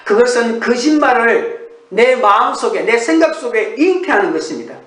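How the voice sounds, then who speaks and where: A male pastor giving an earnest, measured early-morning sermon, asking rhetorical questions in a church sanctuary. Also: extremely high pitch, big pitch swings, fairly bright tone, far from the mic. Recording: echoey room, voice from off the mic.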